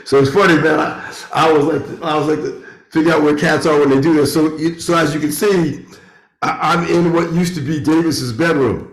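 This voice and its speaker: A man's voice: a little high, steady tone, normal speed. A middle-aged man chatting casually from a home studio, circling back and repeating phrases as he reasons. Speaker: musician, guest. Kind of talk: casual chat. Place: bedroom turned home studio. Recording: roomy, echoing internet call audio.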